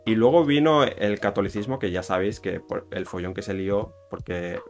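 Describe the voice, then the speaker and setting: A man with a Spain Spanish accent talks through a topic in a loose, chatty way, often stopping to correct himself. His voice sits on the lower side, and soft guitar music plays faintly behind him. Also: steady tone, normal speed. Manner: rambling, with many fillers and self-corrections. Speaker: YouTuber explaining Japanese culture. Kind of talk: casual explanatory talk.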